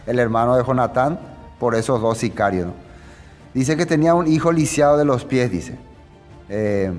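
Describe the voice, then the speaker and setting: A man's voice: on the high side, long reverb tail. A man teaching a Bible passage in a conversational sermon, often checking with his listeners. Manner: conversational, asks the audience "¿no?" often. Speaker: preacher.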